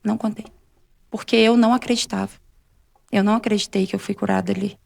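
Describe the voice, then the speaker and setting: A young adult woman talks through her personal testimony as an interview guest. She tells it conversationally, acting out the quoted exchanges in between. Her voice has a gravelly, fry-tinged texture, and the sound is dry and close with no room echo. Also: medium pitch, steady tone, fast, darkish tone. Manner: retells events with many quoted exchanges in a conversational way. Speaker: guest sharing a faith testimony.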